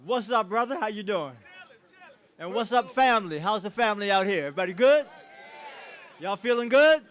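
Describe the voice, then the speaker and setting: High-voiced man giving an emotional tribute. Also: animated, brisk, a bit bright. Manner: emotional, preacher-like call-and-response with the crowd. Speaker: family member giving a tribute speech. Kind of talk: public speech at an outdoor celebration. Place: outdoors at a street celebration.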